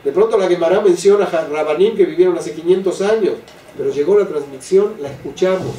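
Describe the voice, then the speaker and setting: An older man leading a Torah class for a live group, often checking in with "¿sí?" and slowing down to stress key phrases. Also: sits high, dark tone. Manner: keeps asking "¿sí?" to his listeners. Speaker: Torah teacher. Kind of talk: religious class lecture. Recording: echoey room, voice from a distant mic, faint background noise.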